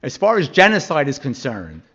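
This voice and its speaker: A man's voice: mid-range voice, huge pitch swings, normal speed, pushed and bright, muffled recording. A man giving an impassioned public comment at a city council meeting, pressing his point with rhetorical questions. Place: council chamber.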